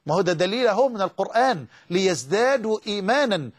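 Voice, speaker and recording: High-voiced Egyptian preacher. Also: male voice, lively intonation, fast talker. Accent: Egyptian Arabic. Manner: emotive, swearing oaths, mixing Quranic recitation with colloquial speech. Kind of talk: religious lecture on a TV channel.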